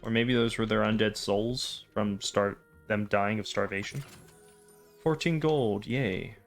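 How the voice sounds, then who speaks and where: A man hosting a game playthrough with casual, wry, deadpan commentary and rambling asides. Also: lowish voice, a little slow. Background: game music.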